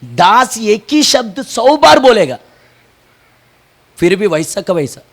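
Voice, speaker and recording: A male pastor preaching with fervor, his voice high-pitched and gravelly. He takes his words slowly and swings from shouted peaks to hushed asides. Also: sing-song. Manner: asks questions and answers them himself. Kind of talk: impassioned Hindi sermon.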